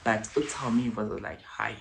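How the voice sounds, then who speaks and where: A man hosting a casual commentary vlog, chatty and digressive, with frequent hushed, whispered asides. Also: medium pitch, unhurried, noisy background. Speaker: vlogger.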